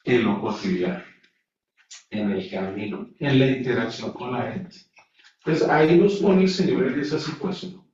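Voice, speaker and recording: A man's voice: mid-range voice, a little slow, a little mellow, slight background noise. A man teaching a Bible class in a sermon-like way, stressing his points and putting rhetorical questions to his listeners. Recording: echoey, dull sound from a distant mic.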